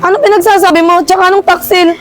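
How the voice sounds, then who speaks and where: A woman's voice: very high voice, fairly even intonation, fast talker, soft background music. A woman voicing a frank, exasperated woman who brushes off a suitor.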